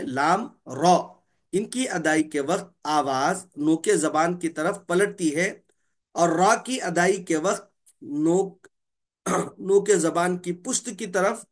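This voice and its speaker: A man teaching a tajweed lesson on Quran recitation. He demonstrates each letter sound slowly, repeats it, and often clears his throat. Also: high voice.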